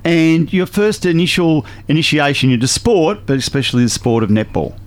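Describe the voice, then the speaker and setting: Higher-pitched Australian man co-hosting. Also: lively intonation, normal speed. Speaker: sports podcast co-host. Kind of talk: casual podcast interview. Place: studio.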